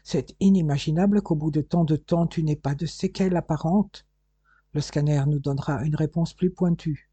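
A man's voice: a little high, steady tone, moderate pace, warm tone, slightly rough, dry recording. A man voicing a bossy older male doctor in an audiobook, firm and commanding.

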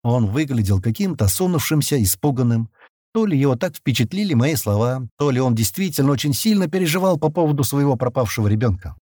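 Brief: male narrator, first-person audiobook, lively intonation, dry close sound, mid pitch. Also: quick pace, dry recording. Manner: expressive, coarse-spoken.

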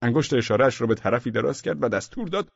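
A man narrating a humorous audiobook in a wry, expressive storytelling manner. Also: medium pitch, creaky, breathy edge, dry recording, muffled recording.

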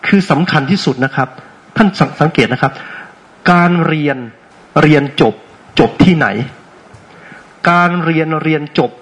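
Guy teaching meditation to a class, kinda high voice, playful, keeps asking questions. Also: unhurried, pauses often. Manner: asks frequent rhetorical check questions; playful, teasing with audience. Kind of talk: interactive dharma talk to a class.

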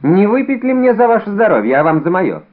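A man's voice: sits high, big pitch swings, fairly quick, pitched above the performer's own voice. A man reading an audiobook, voicing a bold, cunning young musketeer with a brash, theatrical manner, in a narrow, phone-like recording.

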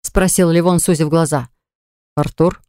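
A woman narrating an audiobook in an even, measured way. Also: on the low side, clean tone, no room sound, clean studio sound. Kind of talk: scripted narration.

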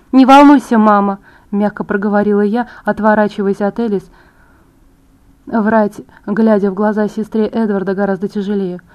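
A woman narrating a novel in the first person. Her reading is measured and even, at a middling pitch for a woman. She keeps a steady storytelling pace. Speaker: audiobook reader.

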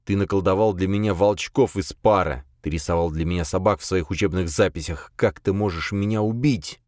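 Confused enchanted young man in a storybook, read by the male narrator, earnest, low. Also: a little fast, a little mellow, dry recording, studio quality, lightly acted. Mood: anguished.

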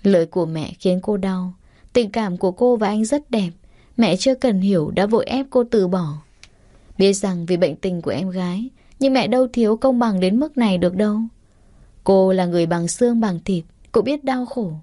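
A woman narrating a romance story aloud in an even, steady reading voice. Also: mid-range voice, moderate pace, dry recording, clean studio sound.

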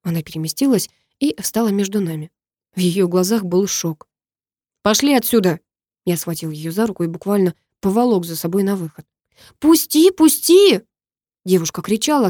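A woman reads a first-person story aloud in a measured, intimate manner. Her voice is mellow and warm. The recording is dry and close, with no room sound. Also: mid-range voice, no room sound. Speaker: audiobook narrator.

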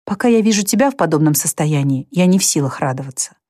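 A woman voicing a calm elder sister who speaks low and soft, steady and soothing. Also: fast talker, dry recording, studio quality. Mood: sad.

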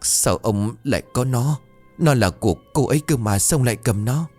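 A man voicing a young man in anguish, shouting broken, desperate questions in a ghost story. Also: on the low side, lively intonation, brisk, faint music behind, natural voice.

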